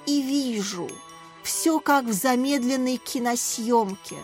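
A woman voicing a caring, anxious young woman teacher in an audiobook, speaking softly and with worry. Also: mid-range voice, measured pace, faint music behind, natural voice. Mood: weak. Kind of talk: audiobook character voice.

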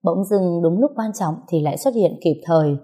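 A woman narrates a first-person audio story. Her telling is bitter and full of feeling. The voice is low and warm-toned. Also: moderate pace, breathy edge.

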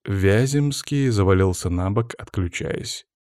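A man narrating a fantasy audiobook in the first person, in an even, measured storytelling manner. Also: on the low side, no room sound, clean studio sound.

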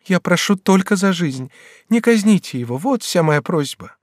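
A man's voice: high voice, expressive, normal speed, dry recording, studio quality, voice pushed up. A man reading an audiobook voices a timid, desperate young woman pleading with a prince, in a raised, strained voice. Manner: pleading and tremulous.

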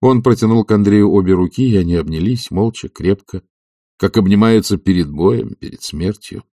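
A man narrating a literary audiobook in a measured, sombre way. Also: lowish voice, warm tone, no room sound, studio quality.

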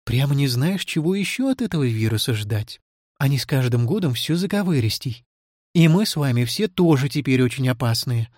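A woman's voice: extremely low pitch, lively intonation, fairly quick, a little mellow, dry recording, studio quality. A woman voicing a fussy female school nurse who speaks in a worried, matter-of-fact way.

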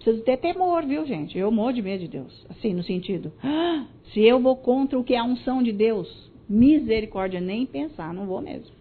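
A woman with a Brazilian Portuguese accent preaching a sermon emphatically, moving between loud stresses and soft asides aimed at her listeners. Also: on the high side, expressive, fairly quick, hardly any pauses, husky. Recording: tinny phone-like audio.

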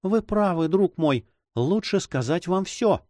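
A man reading an audiobook, voicing an anxious, tender young woman who speaks softly and hesitantly. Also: sits high, expressive, a little slow, no room sound, studio quality, voice pushed up. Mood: fearful. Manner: soft, fearful and hesitant.

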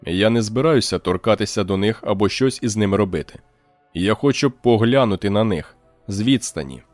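A man's voice: lowish voice, animated, a little mellow, dry recording, faint music behind, close to an everyday voice. Man voicing a cool, ironic trader. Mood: measured. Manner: slow, measured and sardonic. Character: calm, ironic male trader.

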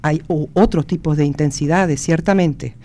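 A woman poet answering a radio interview in a thoughtful, reflective way, pausing to search for words. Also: deep voice, dark tone.

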